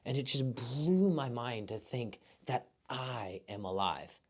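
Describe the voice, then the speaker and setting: A man speaks in an earnest, heartfelt way, urging his listeners on like a coach who cares. He talks at an everyday middle pitch, in a motivational talk that mixes fitness advice with faith. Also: expressive, slow. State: emotional at moments. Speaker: physical therapist and gym owner.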